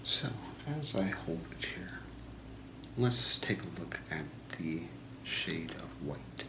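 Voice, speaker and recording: A man in his thirties doing a whispered role-play as a shopping channel host, soft-spoken, with a slow, deliberate product pitch in a small room. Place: small home room, indoors. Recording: echoey room with clear background noise.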